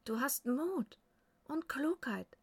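A woman voicing a young Viking warrior who gently encourages his little sister in a storybook reading. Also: high voice, animated, takes it slowly, no echo, voice pushed up, exaggerated voice. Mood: encouraging. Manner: encouraging, warm.

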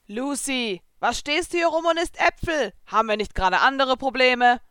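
A woman voicing a brash, impulsive young male fighter who talks bluntly and loudly in a storybook reading. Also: high-pitched, normal speed, smooth, no room sound, studio quality, pitched above the performer's own voice. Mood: impatient. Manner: blunt, loud, puzzled.

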